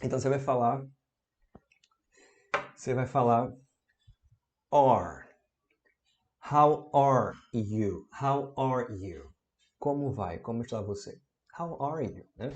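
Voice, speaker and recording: A Brazilian man giving a casual spoken English lesson, encouraging and informal, who drills sounds by repeating them slowly. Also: mid-range voice, darkish tone. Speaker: English teacher.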